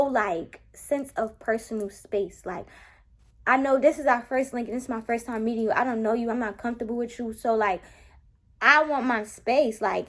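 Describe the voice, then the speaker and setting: In a casual vlog, a woman in her twenties with a fairly high voice tells the story of a date. She's animated and exasperated, swearing constantly and acting out the dialogue.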